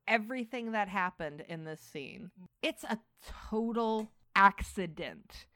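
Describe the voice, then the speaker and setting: A woman's voice: mid-range voice, animated, measured pace, sharp tone, no room sound. A woman co-hosting a casual podcast chat about a TV episode, chatty and laughing often. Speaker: podcast co-host.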